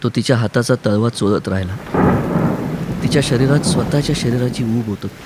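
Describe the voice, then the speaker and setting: A man narrating a romantic novel as an audiobook in a steady, measured way. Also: medium pitch, very noisy.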